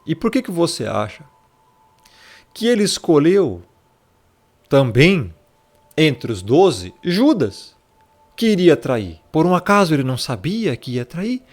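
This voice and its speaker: Gravelly man teaching Bible. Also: fairly high pitch, sing-song, unhurried, pauses often, faint music behind. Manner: conversational, peppered with tag questions, addresses listener as brother. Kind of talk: casual Bible study explained over a shared screen.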